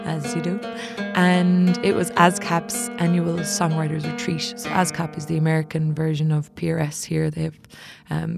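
A woman's voice: deep voice, vocal fry. A woman with a West of Ireland accent telling a personal story casually and animatedly, acting out what people said. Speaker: musician and songwriting teacher.

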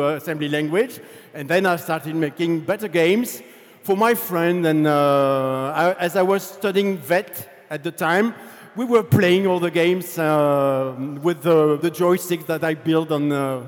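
This game developer from France speaks in a slightly high voice with a French accent, and a long reverb tail trails his words. His conference presentation about his career is a loose, chatty story full of fillers.

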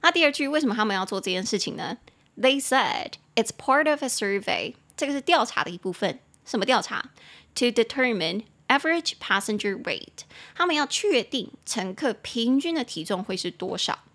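A young woman hosting an English-teaching podcast, chatting casually, laughing often and slowing down to spell words out letter by letter. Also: on the high side, expressive, fairly bright tone.

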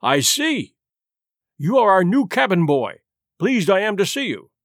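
A man's voice: high-pitched, big pitch swings, unhurried, dry recording, clean studio sound, heavily acted. Man performing a hearty, blustering old-salt tavern landlord. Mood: hearty, welcoming. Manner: hearty, blustering, salty seafaring talk. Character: genial, loud, shrewd one-legged sailor turned tavern landlord. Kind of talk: audiobook character voice.

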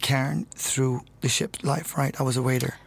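A woman's voice: a bass voice, fairly even intonation, normal speed, vocal fry, husky, no echo. A woman telling jokey stories in a casual chat, swearing now and then.

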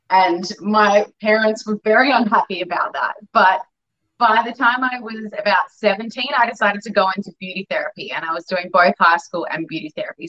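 A woman's voice: mid-range voice, fairly bright tone, lo-fi sound. A woman talking casually as an interview guest. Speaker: interview guest, fashion stylist.

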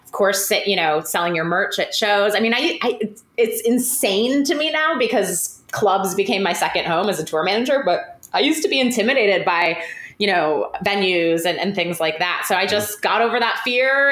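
A woman hosting a podcast interview, telling stories in an animated, chatty way with lots of fillers and restarts. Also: mid-range voice, moderate pace, echoey room. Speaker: podcast host. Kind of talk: conversational interview storytelling.

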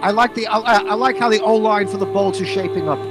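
A man with a thick Brooklyn accent and a high-pitched voice talks sports as a radio host. His delivery is emphatic and punchy, repeating short phrases, with music behind him. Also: big pitch swings, quick pace. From New York, USA. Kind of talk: animated, bantering sports talk.

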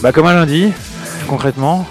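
A man co-hosting a casual podcast, making short, dry, deadpan quips. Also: fairly high pitch, brisk, music in the background. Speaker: podcast co-host. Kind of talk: casual chat.

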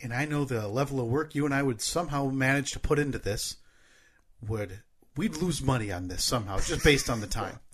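A man's voice: medium pitch, brisk, husky. A man co-hosting a podcast, chatting casually with dry, mock-serious humor. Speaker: podcast co-host. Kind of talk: casual comedic chat.

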